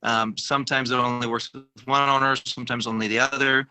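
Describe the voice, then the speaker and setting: A man from a tax deferral firm explains how deals work in a measured, casual way. He uses many fillers and restarts. His voice has a very bright, sharp tone at an ordinary pitch. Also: level tone, clean tone.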